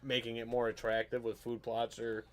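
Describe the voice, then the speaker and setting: Animated rambling podcast host, man. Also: mid-range voice, moderate pace. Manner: rambling, animated, checks if listener follows. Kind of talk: casual hunting podcast chat.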